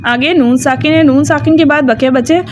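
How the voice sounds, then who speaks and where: A woman's voice: high-pitched, moderate pace, noisy background. A woman teaching Quran recitation rules step by step, often checking in with her listeners. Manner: explains rules step by step, often asks "ठीक है?". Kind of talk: tajweed lesson with recited examples.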